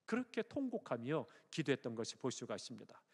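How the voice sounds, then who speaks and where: Man, pastor, sermon, lively swooping pitch, loud bursts then hushed asides, long church reverb. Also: quick pace, vocal fry, husky. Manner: preaching with sudden loud rises and soft lowered passages. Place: church sanctuary.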